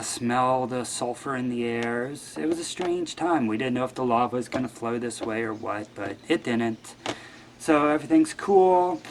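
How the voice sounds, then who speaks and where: A man's voice: medium pitch, a little hiss or hum. A man guest-hosting a show, talking in a rambling, wry and offhand way. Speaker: guest host. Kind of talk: casual monologue.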